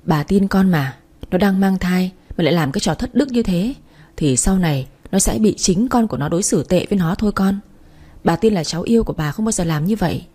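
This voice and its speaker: A woman's voice: lowish voice, expressive, a little fast, warm tone, slightly rough. A woman voicing a doting old grandmother who scolds fiercely to defend her grandchild, in a spoken story. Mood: comforting.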